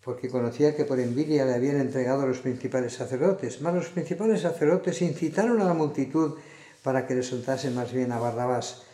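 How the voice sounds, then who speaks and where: Male preacher, earnest and emphatic, mellow voice, echoey room. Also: medium pitch, brisk. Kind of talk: sermon with scripture reading. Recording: roomy echo.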